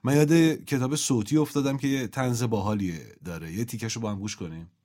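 A man's voice: mid-range voice, fairly even intonation, background noise. A man hosting a radio show, talking in a chatty, slangy, casual way.

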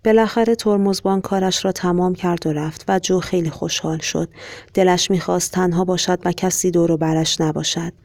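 A podcast narrator reading a short story aloud in a measured, even way. The voice has a gravelly grain and little pitch movement, and the recording is dry and close with no room sound. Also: no room sound. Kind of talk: scripted narration.

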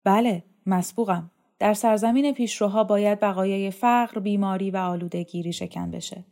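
A woman's voice: mid-range voice, steady tone, creaky, darkish tone, lightly acted. A woman voicing a fawning, overly formal male dormitory head in an audiobook reading.

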